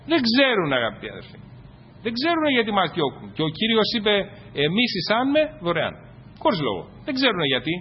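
A man preaching a sermon to his congregation, rising to loud exclamations and dropping to quiet asides. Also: sits high. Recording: dull, echoey hall with faint noise.

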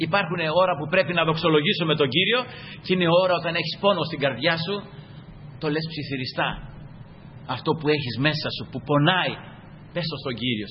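A man's voice: on the high side, a little hiss or hum. A man preaching a sermon emphatically, again and again calling out to the brothers. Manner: emphatic, constantly addresses the brothers. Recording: dull echoey hall recording.

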